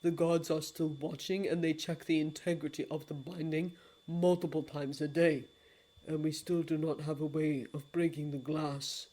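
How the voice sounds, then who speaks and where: A woman reading the part of a solemn immortal male lord of dreams, in a grave, formal, hushed manner. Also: deep voice, level tone, moderate pace, voice pushed down. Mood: stern.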